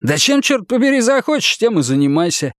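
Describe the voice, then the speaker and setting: A loud-mouthed, swaggering ex-cop , put on by a male narrator, talks fast and rough, his voice pushed noticeably higher than the narrator's own. His lines come out coarse and insistent, the storybook reading recorded close and dry. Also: very animated, no echo. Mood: pushy. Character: brash, profane, pushy ex-cop man, middle-aged.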